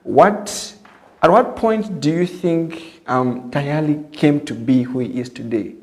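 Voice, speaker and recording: A man's voice: a little high, takes it slowly, a little mellow. A man conducting a casual interview, attentive and echoing his guest's words.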